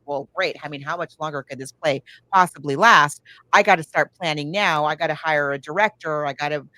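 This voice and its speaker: This woman co-hosts a podcast and talks about film casually, recapping a plot in an emphatic, conversational way. Her voice is fairly low, bright, and forceful, captured in a low-quality recording with no room sound.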